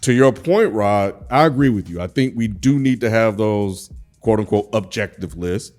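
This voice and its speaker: Blunt low-voiced podcast co-host, man. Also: lively intonation, normal speed, a little mellow, faint music behind. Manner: blunt, opinionated, self-described grumpy critic. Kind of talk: casual roundtable discussion.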